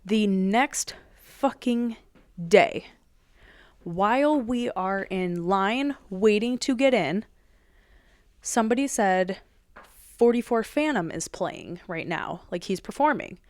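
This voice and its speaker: A woman's voice: medium pitch, takes it slowly, pauses often, no room sound. A young woman hosting her own show, casually retelling a concert weekend, swearing constantly and acting out what people said. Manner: profane, animated retelling with quoted dialogue. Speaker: podcast host. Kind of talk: casual storytelling.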